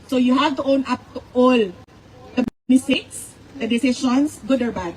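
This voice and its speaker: A woman's voice: high-pitched, measured pace, crowd noise, low-quality recording. A middle-aged woman with a Filipino accent, telling family stories in a conversational way, switching between Tagalog and English and laughing often. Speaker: speaker recounting family stories. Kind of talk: conversational storytelling.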